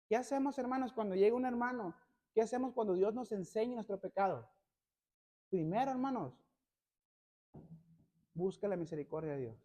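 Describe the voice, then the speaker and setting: A male pastor preaching a sermon, constantly addressing the congregation as brothers and building to loud, emphatic passages. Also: high voice. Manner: peppers every phrase with "hermanos".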